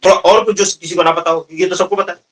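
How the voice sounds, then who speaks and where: A man's voice: sits high, fairly even intonation, fast talker, a bit bright. A man in his thirties with a Hindi accent, teaching English vocabulary in a classroom, firing questions and repeating answers to his students. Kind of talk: classroom lecture. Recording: recorded from a distance.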